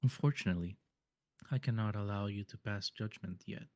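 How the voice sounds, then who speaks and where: A man's voice: on the low side, fairly quick, heavy background noise, natural voice. A man voicing a solemn, formal, self-assured prosecutor in an amateur video game dub.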